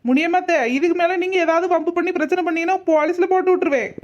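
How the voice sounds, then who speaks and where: Woman voicing a bold protective cartoon woman, high voice, firm scolding. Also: steady tone, racing, muffled recording. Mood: indignant. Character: bold young village woman standing up for others.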